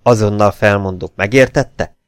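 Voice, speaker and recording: A man reading an audiobook, voicing a young nobleman who questions his servant loudly and demands answers. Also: fairly low pitch, clear, resonant tone, no room sound, studio quality, faint music behind, lightly acted. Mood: demanding. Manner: loud, demanding, angry. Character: commanding young male baronet, impatient.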